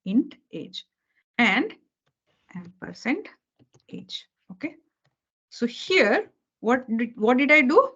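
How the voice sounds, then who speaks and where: On a lo-fi, dull-sounding video call, a woman teaches beginner programming in a slightly high, somewhat bright and slightly rough voice. She speaks slowly in a sing-song way with frequent pauses. She patiently repeats key points and checks understanding with "okay" and "right" after nearly every sentence.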